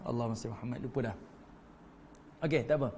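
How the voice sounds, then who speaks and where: A man's voice: mid-range voice, quick pace, mellow, a little hiss or hum. A middle-aged Malaysian man with a Malaysian Malay accent, teaching a Quran study lecture in a chatty way that addresses the audience directly. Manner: conversational, addresses audience as tuan-tuan, acts out quoted voices. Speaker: religious teacher. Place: hall, live stream. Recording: long hall reverb.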